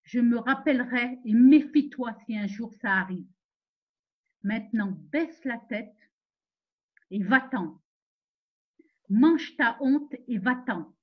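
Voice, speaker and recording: A woman's voice: fairly high pitch, animated, takes it slowly, pauses often, dull audio. A woman playing a fierce scolding mother. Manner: commanding, scolding, defiant. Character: fierce protective mother of a family. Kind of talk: amateur theatre web-series acting.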